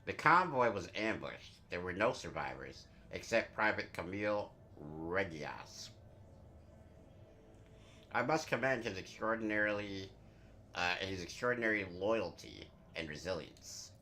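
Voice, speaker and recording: A man voicing a formal, dutiful old retainer in a game, speaking in a courtly, measured way. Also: sits low, very animated, bright, forceful tone, heavily acted.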